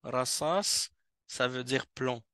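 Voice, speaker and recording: Slow, patient male Arabic teacher. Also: mid-range voice, bright, forceful tone, clear, resonant tone, no echo, clean studio sound. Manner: patient, repeats each word several times. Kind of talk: classroom language lesson. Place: mosque classroom.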